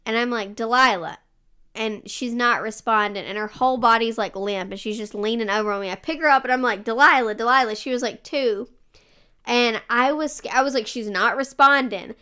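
A young woman co-hosting a podcast, chatting casually and acting out her toddler's voice in high squeals as she tells family stories. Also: a little fast, fairly bright tone, clear, resonant tone. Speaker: podcast co-host. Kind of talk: casual chat.

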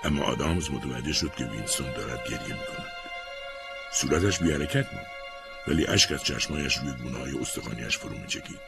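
A man narrating an audiobook in a measured, composed way. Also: very deep voice, lively intonation, creaky, loud music behind the voice.

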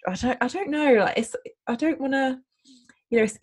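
A woman's voice: high-pitched, brisk, breathy edge. A woman in her late twenties chatting casually, enthusiastic and rambling, with frequent giggles. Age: late 20s. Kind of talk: casual chat.

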